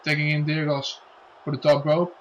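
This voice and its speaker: A man's voice: fairly high pitch, monotone, moderate pace, dull audio. A male wrestling commentator with a voice a bit above average. He makes dramatic calls and stretches out key phrases, with faint noise in the background.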